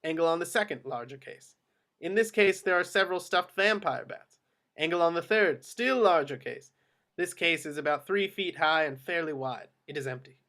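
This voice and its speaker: Reading stage directions at a table read, a man delivers scripted narration at a moderate pace. His voice is fairly high for a man, expressive, with a sharp tone.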